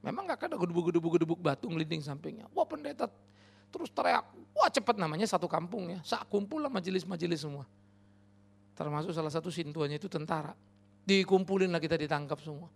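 A man preaching a passionate sermon, swinging from quiet, low remarks to loud, high exclamations, with mocking quoted voices. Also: expressive, fast, creaky. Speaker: pastor.

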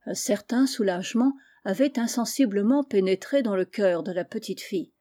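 Woman narrating a storybook, mellow tone. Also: medium pitch, normal speed. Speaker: audiobook reader.

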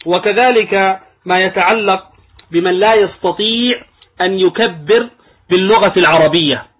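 A man's voice: sits high, normal speed. A man, an Islamic scholar, giving a religious lecture on jurisprudence and explaining points patiently, at times demonstrating wrong pronunciations. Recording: tinny phone-like lo-fi audio.

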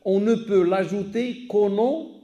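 A man's voice: sits high, slow, mellow. A man giving a religious lesson in a mosque, careful and explanatory, stating each point and then restating it. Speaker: mosque teacher. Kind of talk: religious lecture.

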